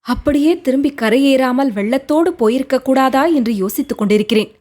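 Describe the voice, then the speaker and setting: A woman's voice: high-pitched, fairly quick, a little mellow. A woman reading a sorrowful lovelorn young woman. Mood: wistful. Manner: plaintive, earnest. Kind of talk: audiobook character reading.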